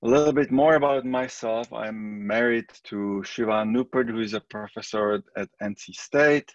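A middle-aged man from the Czech Republic with a Czech accent, giving a relaxed, conversational recorded statistics lecture. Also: on the low side, normal speed, dry recording, dull audio. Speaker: statistics professor.

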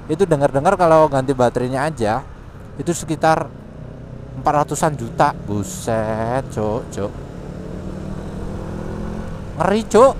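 A chatty man narrates his scooter ride in a fairly high voice. He exclaims often as he talks through city traffic. Steady wind and traffic roar sit under his helmet-mic recording. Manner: chatty, exclaims often, laughs between remarks. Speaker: motovlogger. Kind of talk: casual motovlog commentary while riding. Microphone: helmet intercom mic.

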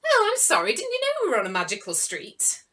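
Posh pigeon lady, vain about her feathers, bright and high; a woman voices her. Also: huge pitch swings, fast talker, exaggerated voice. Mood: knowing. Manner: posh, indignant then kindly.

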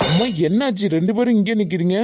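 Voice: medium pitch, fast, music in the background, close to an everyday voice. A performer voicing a teasing older brother in a cartoon, coaxing in a mock-sweet way. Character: teasing older brother, smooth-talking boy. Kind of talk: cartoon voice acting.

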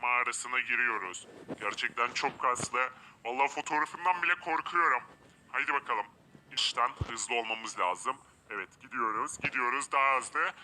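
A man's voice: mid-range voice, noisy background. A man giving eager let's-play commentary, narrating each step aloud. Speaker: gameplay commentator.

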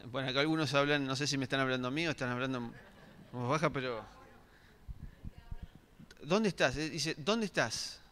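A man's voice: mid-range voice, fairly even intonation, fast talker, bright, forceful tone, slight background noise. Man preaching in a reverberant church hall. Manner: asks the congregation questions, many restarts. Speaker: pastor. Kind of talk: interactive sermon.

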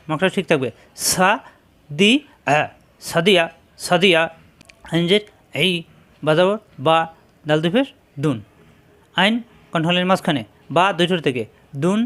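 A man with a Bangladeshi Bengali accent, teaching Quran reading and repeating each letter sound slowly and patiently. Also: a little high, fairly bright tone. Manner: repeats each sound several times, explains pronunciation patiently. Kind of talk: slow drilled letter-by-letter recitation lesson.

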